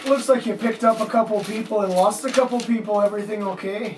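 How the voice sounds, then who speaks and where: A man voicing a gruff male Dragonborn bartender with a put-on Scottish accent, loud and hearty. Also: high voice, fairly even intonation, fast talker, voice pushed up, lightly acted. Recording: echoey room, mic far off.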